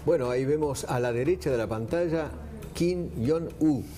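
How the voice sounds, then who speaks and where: Mellow, pointed TV pundit. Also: male voice, on the high side, moderate pace. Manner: pointed, emphatic commentary. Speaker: TV panelist. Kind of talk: studio panel discussion. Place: TV news studio.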